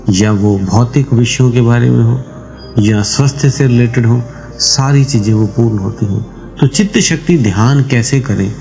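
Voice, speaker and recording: A man hosting a meditation channel, explaining a meditation practice step by step in a calm, measured, instructive way. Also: mid-range voice, low-quality recording.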